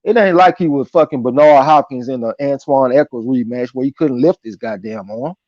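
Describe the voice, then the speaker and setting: Speaking fairly fast in a mid-range voice, this man runs a live boxing stream, trading fight takes and reading out viewer comments with loose, profane slang. The lo-fi recording sounds dull and carries no room sound.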